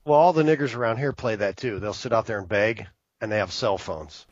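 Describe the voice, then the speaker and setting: A man in his fifties chatting casually, with drawn-out, wisecracking remarks. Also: on the low side, no echo, dull audio. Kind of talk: casual chat.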